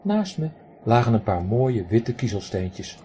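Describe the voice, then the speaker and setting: A man narrating a story in the first person, lively and speaking directly to the listener. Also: medium pitch, unhurried, slight background noise.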